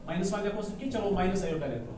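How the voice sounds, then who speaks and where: High-voiced man teaching in an echoey classroom. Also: fairly quick, darkish tone. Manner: explains step by step, asks the class questions and has them answer; mixes English into his sentences. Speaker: maths teacher. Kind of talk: classroom lecture. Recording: echoey classroom from far off with faint noise.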